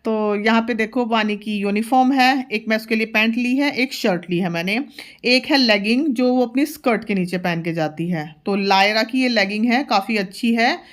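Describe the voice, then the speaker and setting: A woman's voice: on the high side, moderate pace. Casual vlogger mom, homely and chatty, talks viewers through her day step by step. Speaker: vlogger, mother. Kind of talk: casual home vlog narration. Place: at home.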